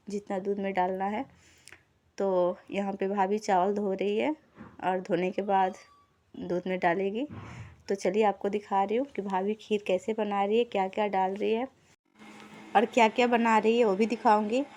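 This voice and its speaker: Mellow-voiced woman vlogger narrating. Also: mid-range voice. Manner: chatty, explains each step to viewers. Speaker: lifestyle vlogger. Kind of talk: casual voice-over narration of cooking footage.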